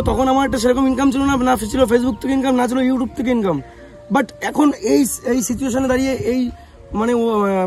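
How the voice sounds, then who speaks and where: A young man from West Bengal talks fast to his camera and answers the comments people have left about him. His voice sits very high for a man, and he keeps firing rhetorical questions back at his critics. A faint music bed runs under his talk. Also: a little mellow. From West Bengal, India. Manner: defensive, rhetorical questions, calls viewers bhai. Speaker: vlogger.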